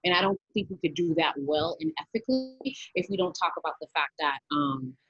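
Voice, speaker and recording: A woman's voice: low-pitched, sing-song, brisk, lo-fi sound. A young woman from Miami, a guest speaker giving an earnest webinar talk with many fillers. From Miami, USA.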